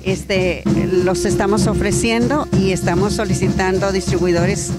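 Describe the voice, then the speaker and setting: An older woman speaks as a therapist at an expo stand, friendly and promotional. She talks into a handheld mic in a large indoor hall, with loud music playing behind. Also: mid-range voice, steady tone, moderate pace. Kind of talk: casual interview. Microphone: handheld mic held by host.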